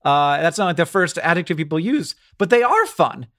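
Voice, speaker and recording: Male podcast co-host, playful and casual, slightly high pitch with big melodic swings. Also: big pitch swings, fairly quick, a bit bright, no echo, studio quality. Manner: playful, jokey.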